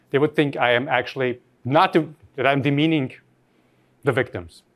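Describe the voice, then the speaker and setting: Lecturing academically, a man from Austria speaks in a voice on the high side. His thoughtful delivery often changes course mid-sentence, and he puts questions to those listening.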